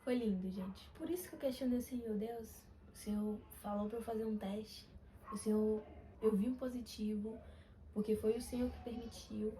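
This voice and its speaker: Young woman from Brazil, heartfelt faith testimony to camera, slightly high voice, faint background noise. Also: fairly even intonation, moderate pace, warm tone, low-quality recording. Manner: earnest, religious, addresses viewers as "gente". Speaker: vlogger.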